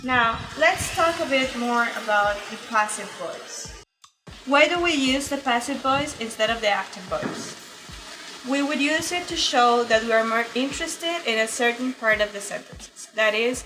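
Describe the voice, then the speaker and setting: A fairly high-voiced woman teaches English grammar in an online class, walking through each point patiently and pausing to ask "okay?" Music plays clearly behind her voice. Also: bright, forceful tone, rough recording. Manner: patient, explanatory, frequent "okay?" checks. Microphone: computer mic in virtual session.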